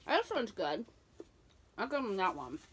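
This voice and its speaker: A young woman hosting a casual snack taste-test vlog, reading the package descriptions aloud in a halting way. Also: medium pitch, big pitch swings, noisy background. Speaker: vlogger.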